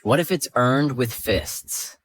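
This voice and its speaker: An actor playing a calm, defiant young hero confronting a villain in a dubbed drama. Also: male voice, mid-range voice. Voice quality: cool, steady, measured.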